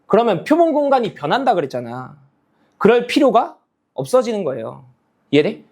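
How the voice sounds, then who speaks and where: Guy teaching math, keeps asking "okay? got it?", really expressive up-and-down voice. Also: high-pitched, fairly quick. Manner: checks in constantly with students, rising "okay?" and "got it?"; casual, talks down to students' level. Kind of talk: classroom lecture.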